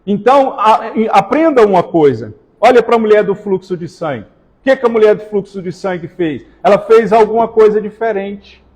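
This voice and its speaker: A male pastor preaching to his congregation, pressing hard on key words and tossing in joking asides. His voice sits high for a man. The sound rings with the long reverb of a church hall. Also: lively intonation, moderate pace, a little mellow, slightly rough. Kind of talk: sermon.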